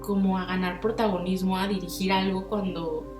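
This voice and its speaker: Speaking at a normal speed in a medium pitch, this young Mexican podcast host recounts something that happened to her, full of slang and easygoing chatter. The room echoes, music plays underneath, and she animatedly performs other people's lines with wide vocal swings.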